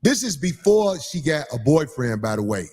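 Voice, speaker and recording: Male stream host, high voice, animated and profane, casual chat. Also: moderate pace, breathy edge. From Chicago, Illinois. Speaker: livestream host.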